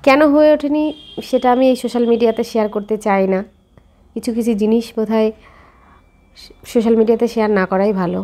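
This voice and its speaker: A woman's voice: on the high side, quick pace, long pauses, warm tone. A woman, chatting directly to viewers in a casual daily vlog. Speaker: vlogger.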